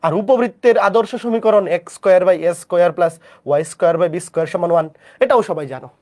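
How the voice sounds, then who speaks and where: A math teacher with a Bangladeshi Bengali accent gives a live online class lecture. The teacher has a fever, speaks softly, and keeps checking in with the students. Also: mid-range voice, brisk.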